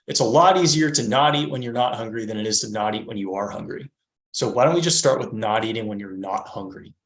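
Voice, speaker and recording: A man's voice: fairly low pitch, fast, a bit bright, roomy sound. A man in his thirties, a fitness coach talking in a podcast interview, explaining emphatically and checking in with "right?". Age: 30s.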